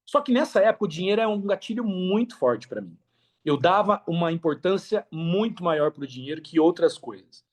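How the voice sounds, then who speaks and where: Animated and high-voiced, speaking at a normal pace, the Brazilian man shares his story candidly as a podcast guest. He's a talker, peppering his conversation with slang and plenty of tag questions.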